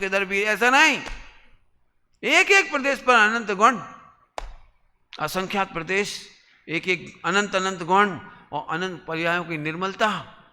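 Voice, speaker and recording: A man delivering a religious sermon, animated and repeatedly questioning his listeners, with sudden high exclamations. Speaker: Jain preacher. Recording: echoey hall with long reverb.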